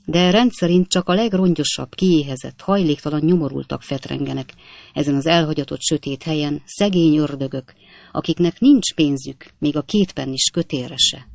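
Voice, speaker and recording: A narrator voicing a cheerful, witty young manservant in an audiobook, chatting in a folksy, gravelly tone. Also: medium pitch, darkish tone, dry recording, clean studio sound, natural voice. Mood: lively, folksy.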